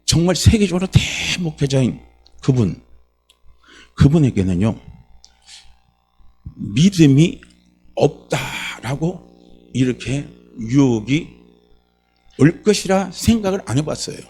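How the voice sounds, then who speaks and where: A man's voice: on the high side, very animated, slow pace, long pauses, darkish tone. Korean pastor guy preaching hard, voice swings up and down a lot, bit of hum behind. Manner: fervent, repeats phrases, calls out questions to the congregation. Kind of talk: sermon.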